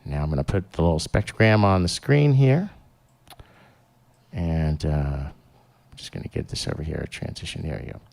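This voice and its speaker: A man's voice: very deep voice, very animated, normal speed, creaky, darkish tone. A man hosting a live-streamed show, chatting casually and rambling, with lots of fillers and restarts. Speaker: show host.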